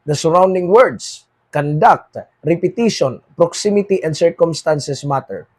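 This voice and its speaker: Filipino man, political commentary host, slightly raised pitch, husky voice, read English and Tagalog, quieter at phrase ends. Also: lively intonation, measured pace. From Philippines. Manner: switches between read English and Tagalog, repeats "mga kaboses, mga kababayan".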